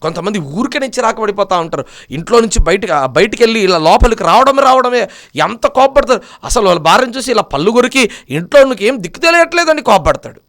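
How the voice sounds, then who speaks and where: A man preaching a sermon, swinging between loud, pleading rhetorical questions and quiet, low asides. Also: animated, fast.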